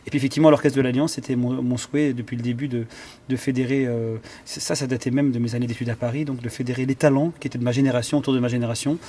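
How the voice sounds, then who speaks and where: Speaking at a racing pace, this Iranian man, a conductor and cellist, has a mid-range, dark-toned voice with a steady tone. He responds to interview questions with care, often stumbling into fillers and restarting as he hunts for the right words.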